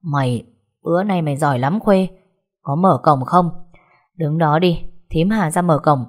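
A woman voicing a harsh, threatening young man who shouts at his ex-wife in a story. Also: low-pitched, a little slow. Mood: angry. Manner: harsh and bullying. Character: angry, threatening young ex-husband.

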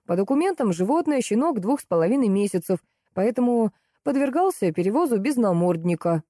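A blunt young customs officer, as a woman reads him, curt and officious with a bossy edge. Her voice stays mellow and warm. The reading is dry and close. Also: sits high, very animated, a little fast, dry recording, voice pushed up. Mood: stiff. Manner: curt, officious, then rude.

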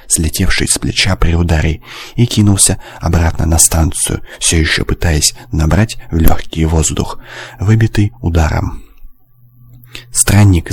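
A man narrating an audiobook in a steady, measured reading. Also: low-pitched, breathy edge. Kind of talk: scripted narration.

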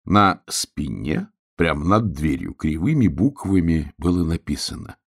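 Low, husky male narrator for a children's storybook, animated intonation. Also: measured pace. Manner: expressive, lively storytelling.

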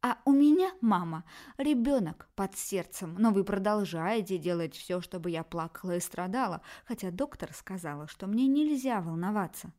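A woman voicing a shrill, spoiled pregnant young woman who shrieks her accusations. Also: animated, normal speed, a little mellow. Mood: shrill, furious.

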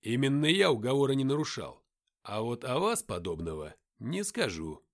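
A man voicing a brash, powerful man in an audiobook, speaking loudly, bluntly and with mockery. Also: medium pitch, big pitch swings, normal speed. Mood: firm. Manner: loud, barking, blunt. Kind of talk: audiobook character voice.

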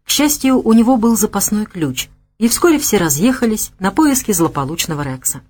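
A woman narrating an audiobook in a measured, expressive reading. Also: medium pitch, breathy edge. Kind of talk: scripted narration.

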